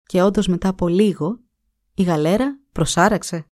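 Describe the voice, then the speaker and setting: Low-voiced woman narrating a folk tale. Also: darkish tone, no echo, studio quality. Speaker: storyteller.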